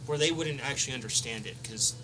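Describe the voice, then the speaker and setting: A man's voice: mid-range voice, fast. A man casually narrating a tabletop game as its game master, improvising as he goes. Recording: clear background noise.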